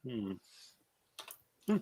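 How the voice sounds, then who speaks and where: A man's voice: extremely slow, mellow, dry recording. A man playing a tabletop game who muses and thinks aloud. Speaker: player. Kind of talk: casual tabletop play.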